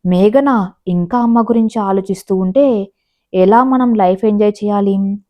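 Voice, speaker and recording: An affectionate young husband who coaxes and pleads, read by a woman narrator in a storybook audio tale. The voice is soft and mellow, at an ordinary middle pitch. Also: unhurried, lightly acted. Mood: pleading.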